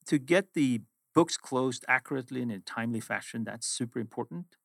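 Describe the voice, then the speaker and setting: With a medium-pitched voice carrying vocal fry and a bit of brightness, he talks a little fast in clean studio sound with no room sound. The speaker is a middle-aged finance executive from Sweden, Swedish-accented with Swedish as his first language, sharing reflective work stories as a guest in a casual interview.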